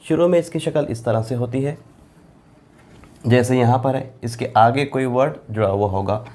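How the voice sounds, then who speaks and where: A male Quran reading teacher in the middle of a board lesson, walking a class through the letters. He is patient and repeats himself often, stretching each letter name out slowly so nobody misses it. His voice sits at an ordinary middle pitch. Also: dark tone. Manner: patient, repetitive, drawing out letter names slowly.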